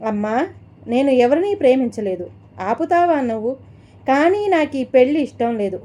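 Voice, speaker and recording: An upset young daughter pleads and pushes back against her mother in a spoken story, as the narrator voices her. The voice is high-pitched and soft-toned. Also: animated, normal speed. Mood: defensive. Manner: pleading, defensive.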